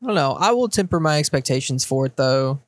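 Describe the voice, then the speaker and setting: A man co-hosting a casual movie podcast, measured and a bit skeptical, often giving short agreements. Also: a little high, animated, dry recording. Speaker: podcast co-host.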